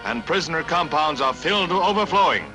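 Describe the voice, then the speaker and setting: Old-timey newsreel guy, punchy announcer voice a bit high, music going loud behind him. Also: lively intonation, quick pace, rough recording. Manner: punchy, dramatic announcer delivery with wry quips. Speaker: newsreel narrator. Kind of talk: 1950s newsreel narration.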